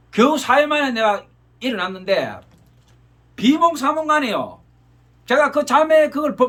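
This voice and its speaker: A man's voice: extremely high pitch, fairly bright tone. A male pastor preaching a sermon, telling an emotional story and acting out gestures as he speaks. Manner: emotional storytelling, acts out gestures with repeated "이렇게".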